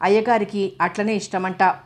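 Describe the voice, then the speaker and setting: A woman's voice: mid-range voice, steady tone, normal speed, natural voice. Woman doing a chatty village servant. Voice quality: plain dialect, rambling.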